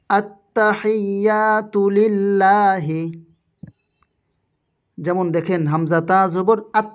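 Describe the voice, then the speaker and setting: A man teaching Quran reading, spelling out each letter and vowel mark before chanting the whole word, with a Bangladeshi accent. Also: high voice. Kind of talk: slow spelling-out recitation lesson. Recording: dull lo-fi audio.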